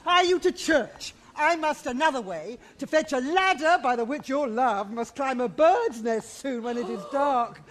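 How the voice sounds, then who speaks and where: A woman's voice: high voice, lively intonation, normal speed, hardly any pauses, a little hiss or hum. A woman playing a garrulous older nurse in a Shakespeare play, teasing and groaning about her aches. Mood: fussy teasing. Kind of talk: Shakespeare stage acting.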